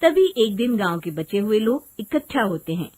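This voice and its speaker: A woman's voice: mid-range voice, normal speed. A woman narrating a Hindi cartoon story. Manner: lively storytelling.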